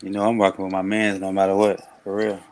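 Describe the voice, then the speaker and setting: A man calling in to a live chat show, talking slowly in a deep, laid-back, mumbling way. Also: completely flat delivery, darkish tone, poor audio. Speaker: caller. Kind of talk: casual chat.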